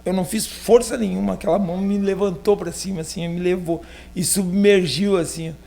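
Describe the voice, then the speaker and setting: A man's voice: high-pitched, fairly even intonation, brisk, gravelly, warm tone. A man with a southern Brazilian accent from Rio Grande do Sul, a pastor casually telling a personal story on a podcast in a rambling, filler-heavy way. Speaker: pastor being interviewed.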